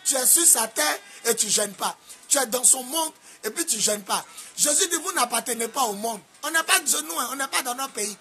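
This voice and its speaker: A man from Côte d'Ivoire with an Ivorian French accent, preaching a sermon in a sing-song cadence with sudden shouts. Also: very high voice, expressive, normal speed, faint music behind. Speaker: apostle preacher.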